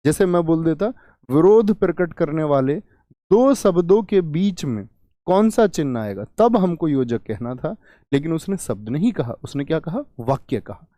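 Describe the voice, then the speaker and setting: A man's voice: on the high side, expressive, normal speed, mellow, no room sound. Man teaching Hindi, dry, close sound. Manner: asks and answers his own questions, repeats key words. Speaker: Hindi teacher for exam prep. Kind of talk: live online class.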